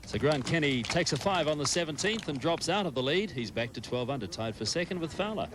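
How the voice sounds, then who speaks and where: A man's voice: fairly high pitch, expressive, brisk. A man giving live golf commentary as a tournament broadcaster. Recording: clear crowd and outdoor noise. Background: golf tournament crowd.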